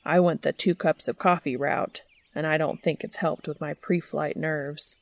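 A woman's voice: low-pitched, fairly even intonation, moderate pace, no echo. A woman voicing a nervous young man afraid of heights, talking in a jittery, self-deprecating way in a storybook reading.

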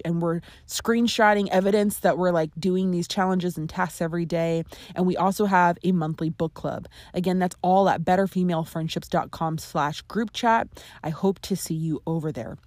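Low-voiced woman hosting a podcast. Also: a little mellow, no room sound. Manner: earnest, conversational, with playful emphasis. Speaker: podcast host. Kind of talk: solo podcast talk.

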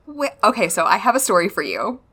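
A woman's voice: mid-range voice, sing-song, fast, fairly bright tone, husky. A woman co-hosting a podcast, chatting and telling stories casually in a silly, self-mocking way. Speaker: podcast co-host.

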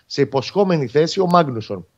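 A man's voice: a little high, lively intonation. Man on a dull lo-fi line. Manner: explains match incidents in detail, quotes referees. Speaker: football reporter. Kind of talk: casual sports talk.

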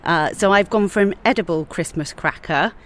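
Chatty woman chef, animated and lively. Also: lowish voice, moderate pace. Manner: chatty, animated, with frequent laughs. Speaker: chef, podcast guest. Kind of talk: casual chat. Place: outdoors on church steps.

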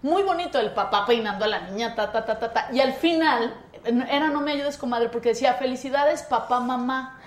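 A Mexican woman in a casual studio chat, her voice sitting a little high. She tells stories with animation, circling back on her own phrases. The room is echoey. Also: fairly quick, hardly any pauses. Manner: animated storyteller, repeats phrases. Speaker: cabaret performer guest.

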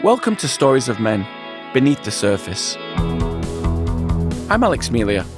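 A man hosting a podcast, narrating a scripted introduction and asking interview questions in a measured, expressive way. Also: mid-range voice, music in the background. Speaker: podcast host.

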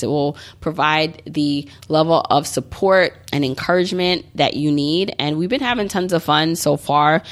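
A woman in her thirties hosting her own podcast, talking in a chatty, upbeat and encouraging way with plenty of "like" and "you know". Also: deep voice. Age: 30s. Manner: chatty, upbeat, motivational, many fillers. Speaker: podcast host. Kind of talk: solo podcast monologue.

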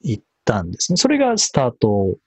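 Man, husky, animated intonation, relaxed interview guest recounting his learning. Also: mid-range voice, brisk, dry recording. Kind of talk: conversational interview.

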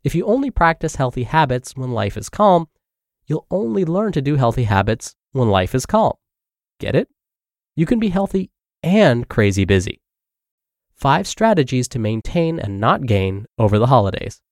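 A man's voice: mid-range voice, big pitch swings, moderate pace, darkish tone, no room sound, clean studio sound. A man hosting a health podcast, reading a blog article aloud, his voice a little congested. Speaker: podcast host and narrator.

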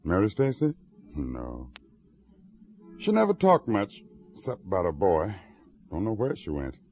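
A gruff old stoop-sitter, very deep. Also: male voice, wildly swooping pitch, a little slow, a little mellow, full character voice. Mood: weary. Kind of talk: 1950s radio drama acting. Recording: dull old radio recording, faint hiss.

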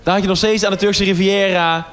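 A man co-hosting a casual chat, throwing in quick joking remarks. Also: sits high, steady tone, fairly bright tone, slight background noise. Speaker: podcast co-host.

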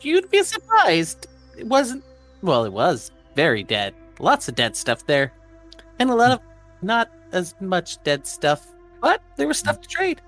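A man's voice: high voice, huge pitch swings, unhurried, a bit bright, faint music behind, pitched above the performer's own voice, full character voice. A man voicing a touchy, wheedling old grandfather in a tabletop game, with a whiny, nasal voice. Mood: defensive. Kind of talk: tabletop role-play.

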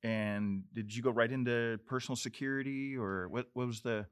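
A man's voice: mid-range voice, fairly even intonation, normal speed, clear, resonant tone. A middle-aged man hosting a casual interview, asking questions and affirming with repeated words. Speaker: interviewer, host.

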